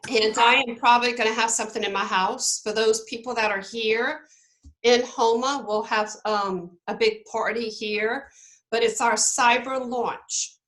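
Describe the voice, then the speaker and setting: A woman's voice: a little high, steady tone, unhurried, fairly bright tone, rough recording. A woman leading a team meeting on a video call, upbeat and coaching, checking in with her listeners often. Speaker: network marketing team leader.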